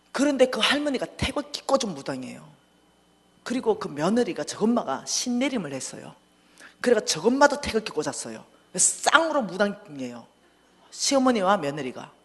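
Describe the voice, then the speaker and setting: A woman telling a humorous testimony in a sermon, acting out dialogue and laughing often. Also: medium pitch. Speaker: church speaker giving a testimony. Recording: reverberant hall.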